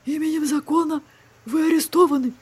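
A woman's voice: high voice, measured pace, warm tone, voice pushed up. A woman voicing a stern, menacing male town guard who questions sharply in a storybook reading.

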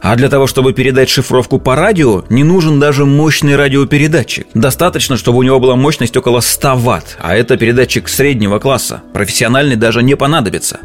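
A man's voice: mid-range voice, fast, few pauses, faint music behind. A man presenting an informal explainer in a conversational, explanatory manner.

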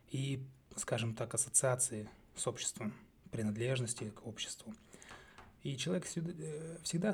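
A man hosting a solo psychology talk, speaking in a measured, thoughtful way with frequent hesitations and self-corrections. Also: mid-range voice, a little mellow, breathy edge. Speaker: psychology channel host.

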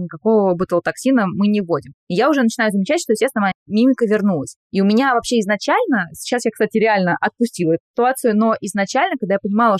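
A woman's voice: mid-range voice, no echo. A woman in her late twenties interviewing an expert, chatty and telling her own experience. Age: late 20s. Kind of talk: interview questions and personal story.

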